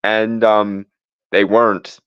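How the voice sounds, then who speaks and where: A man's voice: lowish voice, flat delivery, takes it slowly, clean tone, no echo. Man, podcast co-host, emphatic lecturing rebuttal, dry muffled recording. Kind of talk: argumentative commentary.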